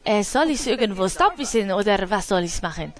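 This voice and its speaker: A woman's voice: mid-range voice, expressive, fairly quick, lightly acted. A woman voicing an eager young male sim policeman on his first day, chirpy and overly polite.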